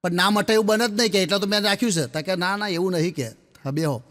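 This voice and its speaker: A man telling a string of jokes as a stand-up comedian, chatty and laughing, dropping his voice low for the people in his stories. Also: racing, a bit bright, long reverb tail. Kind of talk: Gujarati joke-telling monologue.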